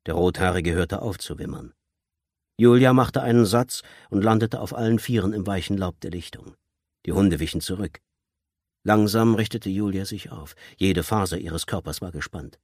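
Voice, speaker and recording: A man narrating an audiobook in a measured, tense storytelling manner. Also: low-pitched, breathy edge, no echo, studio quality. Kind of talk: scripted narration.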